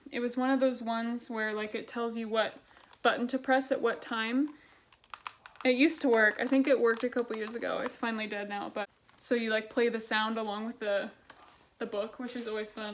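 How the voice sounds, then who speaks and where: A woman's voice: fairly high pitch, slight background noise. A woman in her twenties, chatty and gushing, with lots of fillers as she talks about her childhood books. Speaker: book vlogger.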